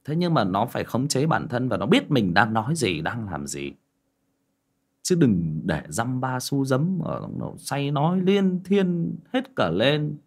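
Animated man telling a story. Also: mid-range voice, measured pace, slightly rough. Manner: rambling, blunt and expressive, addresses listeners directly. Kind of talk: casual storytelling monologue.

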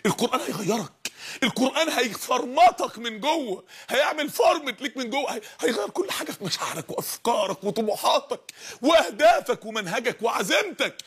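An Egyptian man delivering an impassioned sermon, dramatic and pleading, building to shouts. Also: extremely high pitch, slightly rough. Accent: Egyptian Arabic. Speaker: preacher.

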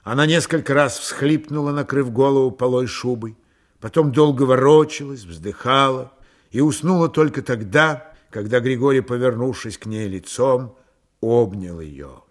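Calm man narrating an audiobook. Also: medium pitch, normal speed.

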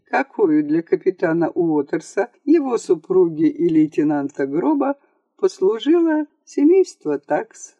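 An audiobook reader telling a comic story with a wry, theatrical touch. The pitch rises and falls a lot, and the dry home-studio voice-over has almost no echo. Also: very animated, unhurried, mellow, muffled recording. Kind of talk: scripted narration of a comic story.

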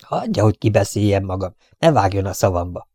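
A man voicing a whiny, tearful male gangster in a storybook reading, with a high, whimpering voice. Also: animated, mellow, husky, dry recording, clean studio sound. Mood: whining, indignant.

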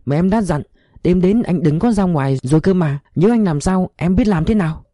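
Brief: narrator playing a worried, caring woman, voice pushed high, anxious and pleading, animated intonation. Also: a little fast, no echo, clean studio sound. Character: anxious caring woman, middle-aged, fretful.

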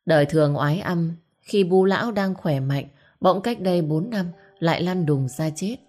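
Give me a woman with a lower voice narrating an audiobook over quiet music. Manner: measured storytelling, expressive. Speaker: story narrator. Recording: faint music bed.

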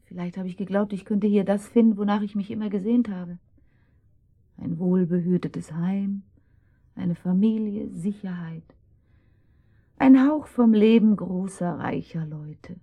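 A torn, unhappy young wife. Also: female voice, mid-range voice, unhurried, phone-quality sound. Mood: wistful. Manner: hesitant, breathy whispers. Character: unhappily married young mother, torn and volatile. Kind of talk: radio drama acting.

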